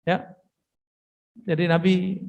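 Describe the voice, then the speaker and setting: High-voiced man preaching in a mosque hall. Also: completely flat delivery, slow, gravelly, darkish tone, dull audio. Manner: casual, joking asides to the audience. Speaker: preacher giving a mosque study session. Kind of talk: religious lecture with storytelling.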